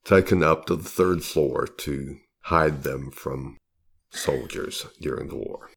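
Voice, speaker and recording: A man's voice: extremely low pitch, slow pace, creaky. An older man, a longtime house guide, reminiscing conversationally as an interviewee in an attic room.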